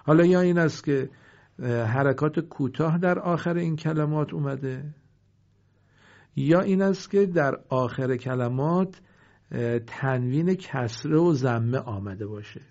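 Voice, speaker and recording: A man teaching the rules of pausing in Quran recitation. He draws out each example word slowly, then asks what it becomes and answers himself. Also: on the high side, darkish tone, highs cut off.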